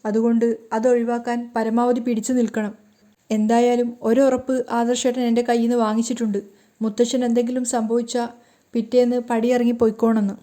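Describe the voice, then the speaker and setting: A woman's voice: a little high, flat delivery, brisk, mellow, natural voice. A woman voicing a hurt, tearful young married woman who pleads and scolds.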